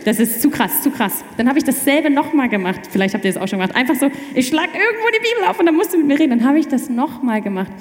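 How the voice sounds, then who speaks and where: Young woman guest, animated testimony, highish voice, roomy echo. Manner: animated, talks in quick restarts. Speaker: guest sharing her faith story. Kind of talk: personal testimony in casual chat. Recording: echoey room with long reverb.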